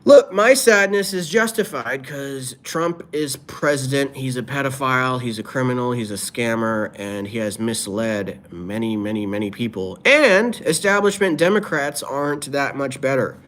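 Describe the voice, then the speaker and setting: A man's voice: mid-range voice, normal speed, hardly any pauses, fairly bright tone. A man talking casually on a live stream, reading out viewer comments and dropping playful improvised rhymes. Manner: playful, drops off-the-cuff rhymes.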